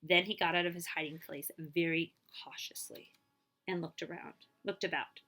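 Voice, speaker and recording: Her voice is on the lower side, her intonation fairly even, and her pace moderate. She reads a children's story like a librarian, expressive and suspenseful, softening to a hush and drawing out crucial phrases.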